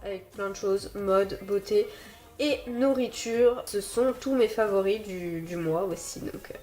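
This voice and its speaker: A woman's voice: medium pitch, a little slow, mellow. A woman with a very nasal, stuffed-up voice, sick with a blocked nose, chatting casually and apologetically to viewers as she recommends beauty products. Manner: self-deprecating, apologetic. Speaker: beauty and haul vlogger.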